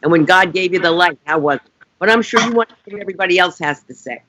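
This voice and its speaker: A woman's voice: on the low side, quick pace, a crowd in the background. A woman guest in casual chat, joking and teasing. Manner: jokey, teasing.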